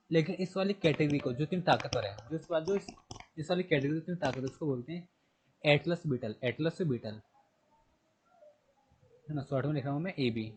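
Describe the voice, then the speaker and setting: A man's voice: on the high side, a little mellow, slightly rough, poor audio. A man teaching a general knowledge lesson, asking and answering his own questions, repeating terms and spelling words letter by letter. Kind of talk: recorded classroom lesson.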